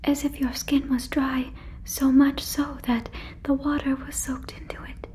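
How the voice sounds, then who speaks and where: This ASMR roleplay features a woman as a gentle, curious, innocent alien, her breathy whisper close on a fluffy microphone and her phrasing formal, stilted and careful. Her high-pitched voice barely moves in pitch, keeping a measured pace over a little hiss or hum.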